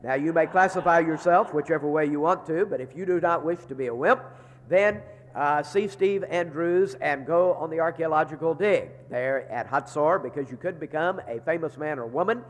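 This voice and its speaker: A man's voice: on the high side, moderate pace. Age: middle-aged. Sex: man. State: congested from a sinus infection, sounding like he's inside a barrel. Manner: folksy, joking chapel announcements. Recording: long reverb of a chapel hall. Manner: folksy and joking, with frequent "uh" fillers. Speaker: seminary leader giving chapel announcements. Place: large chapel.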